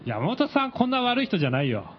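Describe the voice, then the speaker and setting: A man's voice: sits high, huge pitch swings, quick pace, dull audio, a little hiss or hum. Wry skeptical male radio co-host. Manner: wry, skeptical, frequent backchannel. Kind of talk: casual radio chat.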